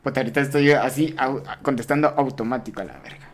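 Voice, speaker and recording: A young Mexican man with a Mexican Spanish accent hosts a casual, crude live-stream podcast close to the mic, joking and laughing often. His voice is mid-range and quick, with crowd noise in the background.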